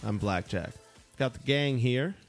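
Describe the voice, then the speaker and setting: A man's voice: mid-range voice, measured pace, no room sound, soft background music. A man hosting a talk radio show in a casual, bantering style.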